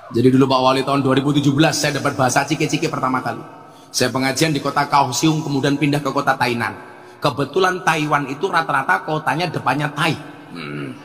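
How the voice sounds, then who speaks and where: A man's voice: fairly high pitch, fairly bright tone, roomy sound, in a large hall. A man with a Javanese accent giving a humorous sermon, telling stories with jokes and switching into Javanese and broken English. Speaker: preacher. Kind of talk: humorous religious sermon to a crowd.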